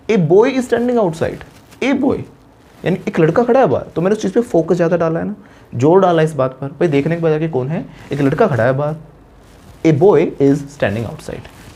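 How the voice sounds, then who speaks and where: Male English grammar teacher, Indian accent, warm mellow tone, slightly higher pitch, patient explaining manner with rhetorical questions. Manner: explains step by step, asks rhetorical questions, slows for English examples. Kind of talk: classroom-style grammar lesson.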